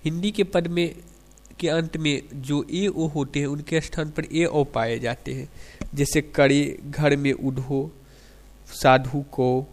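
A man reading a lecture on dialect features slowly and carefully, pausing after each word example. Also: a little high, fairly even intonation. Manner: slow, measured reading of word examples in lists. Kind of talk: academic lecture on Hindi dialects.

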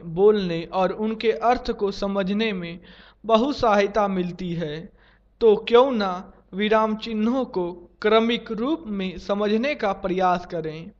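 Slow, high-voiced man reading a grammar lesson. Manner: measured, formal dictation-like reading. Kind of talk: slow read-aloud textbook lesson. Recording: dull lo-fi sound.

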